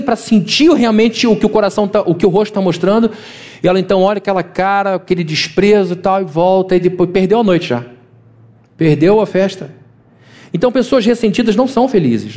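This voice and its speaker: A man preaching from the pulpit in a conversational sermon. His voice sits a little high for a man but sounds soft and mellow. He keeps breaking into quick acted-out voices that leap up in pitch. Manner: conversational preaching, acting out quoted voices with big pitch jumps. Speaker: pastor.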